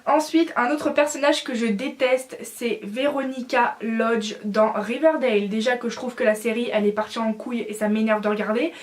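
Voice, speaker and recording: A woman's voice: fairly high pitch, steady tone, moderate pace, hardly any pauses, a little hiss or hum. A young woman in a casual opinion vlog, talking bluntly and with feeling, with many fillers. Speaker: vlogger.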